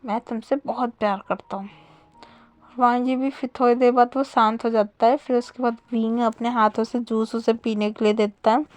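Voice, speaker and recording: A woman's voice: a little high, level tone, fairly quick, few pauses, darkish tone, clean tone, dry recording. A woman casually retelling a fan story in a chatty way, with fillers and self-corrections.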